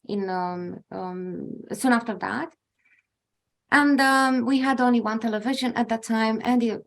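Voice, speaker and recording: A woman in her forties hosting a podcast interview, telling a story in a reflective, halting way as she searches for words. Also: a little high. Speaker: podcast host.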